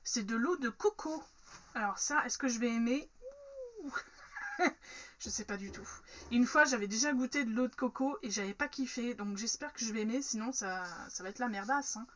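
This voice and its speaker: A woman's voice: on the high side, moderate pace, fairly bright tone, muffled recording. A woman chatting frankly through an unboxing, with many fillers. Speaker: unboxing vlogger. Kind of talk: casual unboxing chat.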